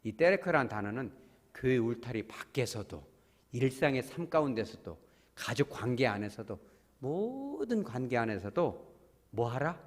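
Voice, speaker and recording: A man preaching a Sunday sermon as pastor, speaking straight to his congregation and acting out quick bits of dialogue. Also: medium pitch. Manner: animated, acts out little quoted dialogues; calls on the congregation directly. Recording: long church-hall reverb.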